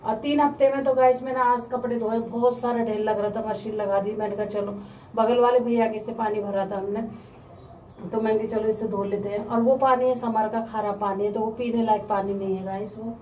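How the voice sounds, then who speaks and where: A woman chatting casually to her viewers in a home vlog, speaking slowly because of sore mouth ulcers. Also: fairly high pitch, fairly even intonation, a little mellow, reverberant, far from the mic, a little hiss or hum. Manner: chatty, often addresses viewers as guys. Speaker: family vlogger.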